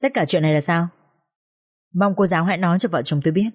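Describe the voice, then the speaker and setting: A woman's voice: lowish voice, quick pace, husky. A woman reading the part of a shaken, stern middle-aged father in an audio story, asking blunt and urgent questions. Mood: demanding.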